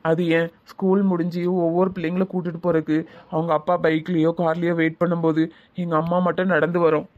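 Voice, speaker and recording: A man's voice: a little high, little pitch movement, fast, narrow, tinny audio, lightly acted. A man voicing a troubled, jobless young man in a cartoon, with heavy, regretful talk in a Tirunelveli Tamil accent. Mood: hurt. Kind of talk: cartoon voice acting.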